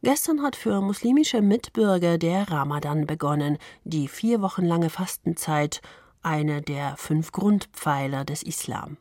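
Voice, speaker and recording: A woman presenting a radio culture program in a measured, formal reading style. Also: sits low, lively intonation, darkish tone, no echo, studio quality. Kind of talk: scripted radio moderation.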